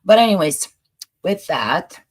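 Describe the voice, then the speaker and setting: A French-accented woman hosts a casual commentary show, chatting playfully about news clips, laughing and musing aloud. Her voice is fairly low with big swings in pitch, and she speaks a little slowly.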